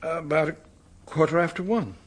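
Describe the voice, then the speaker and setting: Anxiously recalling events, this male actor portrays an American collector of manuscripts in a radio play, a man who dodges questions, flusters easily, and stays courteous but defensive, stammering at times. The pitch runs a bit high, the speed is normal, and it sounds close to his everyday voice.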